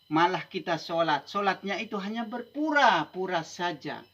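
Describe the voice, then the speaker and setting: A man's voice: sits high, expressive, moderate pace, a bit bright, muffled recording. A man from Indonesia teaching Sufi mysticism in a rhythmic, emphatic way, often ending points with "begitu". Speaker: religious teacher.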